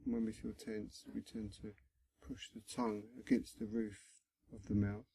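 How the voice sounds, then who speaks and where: The speaker is a meditation guide, a man with a low, creaky, husky voice, talking listeners through a body scan. He instructs gently in short phrases broken by many pauses, his pitch barely moving, on a rough recording.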